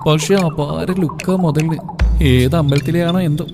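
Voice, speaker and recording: A man's voice: a little high, fairly even intonation, moderate pace. A man narrating a story in a chatty, playful way. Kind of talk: storybook narration, voicing all roles. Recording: long hall reverb, music behind.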